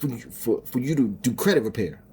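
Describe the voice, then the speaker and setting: A man's voice: mid-range voice, animated, brisk, darkish tone, husky. A middle-aged man venting in a rambling, profane vlog monologue, stumbling and repeating his words. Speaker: homestead vlogger and single dad.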